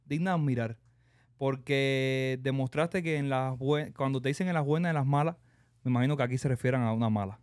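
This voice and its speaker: A man hosting a talk show, excitable, laughing and shouting over the audience. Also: mid-range voice, a little fast, clear, resonant tone, dry recording, studio quality. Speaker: host. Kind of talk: emotional talk show chat.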